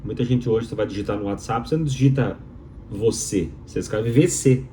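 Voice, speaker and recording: This is a brisk, warm, fairly low male voice with slight background noise. He comes from Minas Gerais, Brazil, speaks with a Mineiro accent, and as a doctoral student gives an opinionated explainer to viewers, emphatic and rhetorical, repeating his key phrases.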